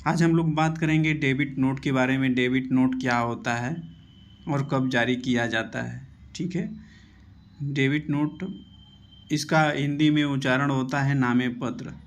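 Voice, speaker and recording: Steady-voiced male accounting tutor. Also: medium pitch, measured pace. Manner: even, repetitive teacher's delivery with frequent "theek hai" checks. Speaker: accounting tutor, channel host. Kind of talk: explanatory lesson while writing points.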